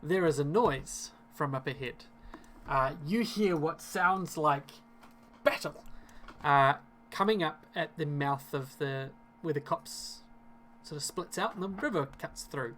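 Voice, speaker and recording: Casual game master narrating a tabletop game. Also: male voice, fairly high pitch, unhurried, fairly bright tone. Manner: casual, hesitant, many fillers and laughs.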